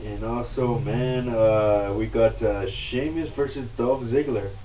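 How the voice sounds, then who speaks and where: Male co-host, relaxed podcast banter; distant, lo-fi phone-like audio. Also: mid-range voice, measured pace. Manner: easygoing, agreeable, many fillers. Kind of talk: casual wrestling chat. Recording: roomy, distant, phone-like, faint noise.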